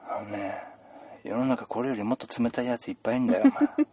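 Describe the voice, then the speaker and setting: A man's voice: medium pitch, huge pitch swings, fast talker, husky, exaggerated voice. A man playing a punning chatty doctor. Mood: mock-stern. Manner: rambling with puns and gentle scolding. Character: chatty joking male doctor seeing patients. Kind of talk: improvised comedic role-play.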